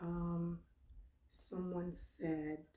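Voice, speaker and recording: A young woman with a Nigerian accent, chatting casually through a question-and-answer vlog and reading each question aloud slowly. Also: lowish voice, level tone, warm tone. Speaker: vlogger. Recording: echoey room.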